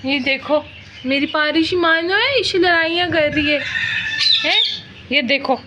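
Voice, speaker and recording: Pakistani woman vlogger, slow, high and lively voice, chiding her pet over chirping birds and background noise. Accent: Pakistani Urdu. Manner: scolds and coaxes a pet parrot in a singsong voice. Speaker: home cooking and pet vlogger. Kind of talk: casual vlog, talking to pets. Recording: noisy home clip with bird chirps.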